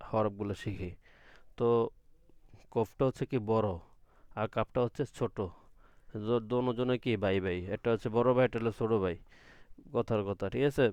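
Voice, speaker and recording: Patient male Quran teacher, smooth voice. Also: medium pitch, darkish tone, no echo. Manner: patient, asks the class questions and answers them himself; demonstrates letter sounds drawn out from the throat. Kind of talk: online class teaching.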